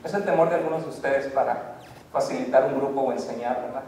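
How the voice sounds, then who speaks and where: A man, preaching a lively sermon straight to his congregation. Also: medium pitch, fast. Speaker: pastor. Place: church sanctuary. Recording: echoey church hall from a far-off mic.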